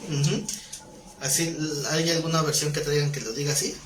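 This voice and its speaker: A man teaching a live Bible class, animated, breaking into quoted voices. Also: normal speed, over music. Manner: animated, acts out quoted voices with rising pitch. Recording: roomy echo.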